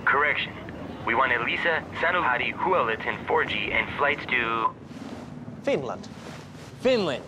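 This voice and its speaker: A man playing a demanding, excitable hostage-taker in a comic commercial. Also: mid-range voice, measured pace, long pauses, noisy background. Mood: excited. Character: demanding, excitable male hostage-taking bank robber. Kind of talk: comedic commercial acting.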